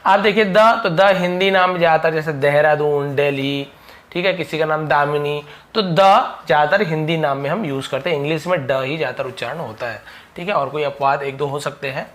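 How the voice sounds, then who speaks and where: A man teaching English letter sounds in Hindi, explaining patiently and repeating each sound slowly. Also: a little high, fairly bright tone. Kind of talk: Hindi-language phonics lesson.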